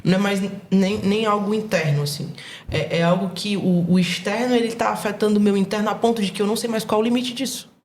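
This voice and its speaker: A woman guest on a faith podcast who talks quickly and tells stories with animation, often restarting her sentences. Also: mid-range voice, fairly even intonation, a little hiss or hum. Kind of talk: casual faith podcast conversation.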